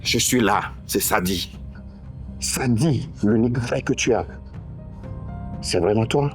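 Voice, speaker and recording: An actor playing a smooth-talking younger brother in a TV drama, speaking French with a West African accent, coaxing and soothing his sister. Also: fairly low pitch, slow, soft background music. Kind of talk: TV drama dialogue.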